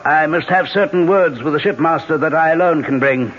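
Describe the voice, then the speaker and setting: An actor playing a courtly, insistent and jealous lord, speaking formally and theatrically in an old-time radio drama. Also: male voice, on the high side, fairly quick, close to an everyday voice. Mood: courteous, insistent. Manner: formal, lordly. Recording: dull, slightly noisy old radio recording.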